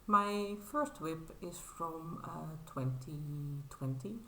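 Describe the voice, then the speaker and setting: This crafting vlogger from the Netherlands, in her thirties, chats in English for a casual show-and-tell. Her voice is low and gravelly but bright, a bit tense, and she keeps hesitating, filling gaps and restarting, modest and apologetic. The room echoes, with a faint hum behind her.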